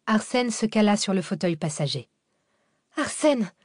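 A woman narrating a thriller audiobook in a steady, measured reading. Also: medium pitch, no room sound, clean studio sound.

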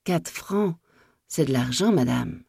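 A reader voicing a resigned peasant maid who speaks softly and slowly. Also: medium pitch, expressive, vocal fry, husky, no echo, clean studio sound, heavily acted. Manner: soft, slow, resigned. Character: resigned peasant maid woman, meek and soft-spoken.

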